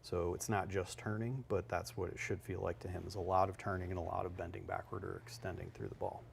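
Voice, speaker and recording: A man's voice: low-pitched, little pitch movement, fast, creaky, slight background noise. A man working as a golf instructor, explaining swings in a loose, conversational way on a live analysis show.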